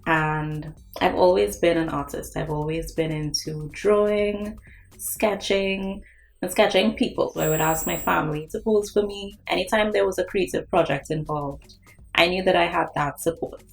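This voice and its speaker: A woman's voice: fairly low pitch, moderate pace, gravelly, soft background music, low-quality recording. A young woman from Trinidad and Tobago, an artist hosting her own vlog and speaking earnestly and directly to her viewers. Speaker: artist and channel host. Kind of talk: vlog talk to camera.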